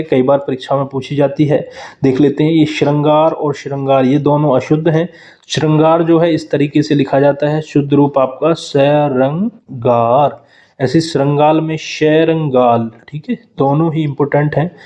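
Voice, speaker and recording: A man's voice: a little high, dark tone. Hindi man teaching spelling, echoey dull audio. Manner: explains quickly, often repeating key words. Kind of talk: exam-prep lesson. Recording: roomy, muffled sound.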